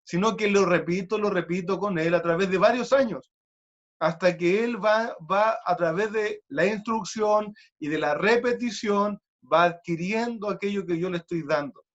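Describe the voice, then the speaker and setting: A man's voice: high voice, moderate pace. A man preaching a sermon earnestly, repeating key words for emphasis. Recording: dull lo-fi recording.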